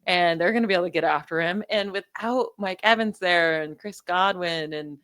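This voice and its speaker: A woman with a New York accent co-hosting a sports podcast, chatting casually and confidently, dropping stats with quick asides. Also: on the low side, a bit bright, clear, resonant tone, no room sound. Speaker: podcast co-host.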